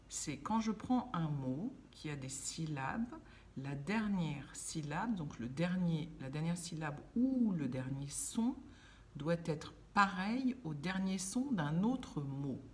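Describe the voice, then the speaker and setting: A woman teaching young children, speaking slowly and carefully, drawing out words so they can hear each sound. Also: sits low, animated, darkish tone. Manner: slow, carefully enunciated, stretching words for children. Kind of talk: children's lesson.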